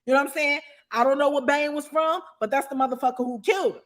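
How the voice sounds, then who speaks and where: High-voiced woman telling a wild story. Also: fast talker. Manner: profane, animated, frequent laughter; keeps asking "you know what I'm saying". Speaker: guest storyteller. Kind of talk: casual storytelling.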